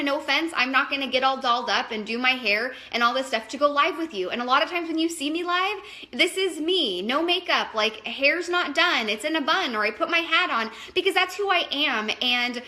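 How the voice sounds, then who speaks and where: High bright chatty woman rambling live. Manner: rambling, chatty, filler-heavy. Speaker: wellness coach. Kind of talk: casual live video chat. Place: at home, indoors.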